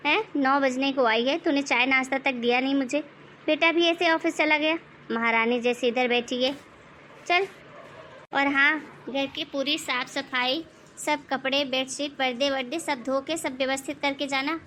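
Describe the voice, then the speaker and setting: A domineering mother-in-law barks orders and mocks her daughter-in-law in a high, sharp-edged tone, as a woman voices her. Her sarcasm never lets up as she commands and taunts for an animated moral story. A faint hum of room noise sits behind her. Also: a little slow. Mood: bossy. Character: bossy middle-aged mother-in-law, scolding and mocking.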